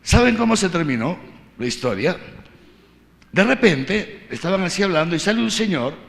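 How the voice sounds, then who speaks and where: A man, a bishop, telling a story to his listeners in an animated catechesis talk, acting out the shouting crowd. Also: sits high, moderate pace, vocal fry. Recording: reverberant hall, mic at a distance.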